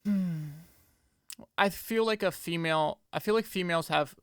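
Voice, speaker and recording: A man's voice: high voice, normal speed, fairly bright tone, smooth, no room sound, studio quality. A man in his twenties co-hosting a podcast, talking loosely and candidly, with some swearing. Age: 20s. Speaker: podcast co-host. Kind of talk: casual chat.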